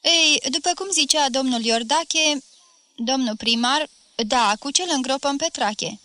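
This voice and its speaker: A woman voicing a spluttering greedy old village priest. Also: sits high. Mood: insistent. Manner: mumbling, then shouting and spluttering.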